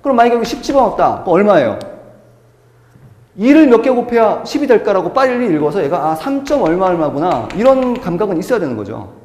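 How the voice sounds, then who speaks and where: A fast-talking man with a high, darkish voice and wide pitch swings lectures a math class. He is emphatic and repetitive, hammering key words and posing questions he then answers himself. The classroom is echoey, with a long reverb.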